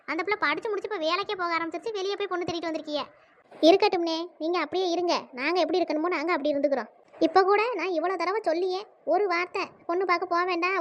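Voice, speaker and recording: Squeaky, indignant village sister. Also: a bit bright. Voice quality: high squeaky cartoon voice. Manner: fast, scolding, emotional. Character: indignant middle-aged village woman, the sister. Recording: dull lo-fi audio.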